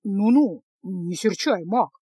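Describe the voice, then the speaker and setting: A woman's voice: medium pitch, expressive, slow, dark tone, husky, dry recording. A woman reading a storybook, voicing a fawning, lying male bandit with a wheedling manner. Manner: wheedling, ingratiating.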